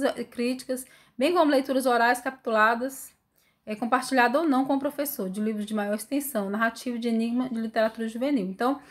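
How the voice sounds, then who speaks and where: Woman lecturing an online class. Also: a little high. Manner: reads lists aloud, explains with fillers and restarts. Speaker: university lecturer. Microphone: phone.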